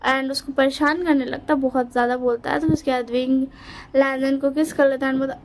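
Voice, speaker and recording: Woman, high-pitched, casual storytelling, rambling, lots of fillers. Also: little pitch movement, a little fast, slight background noise. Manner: chatty, rambling, many fillers and restarts; quotes each character's lines with little change of voice. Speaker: fan fiction storyteller. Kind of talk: casual spoken retelling of a story.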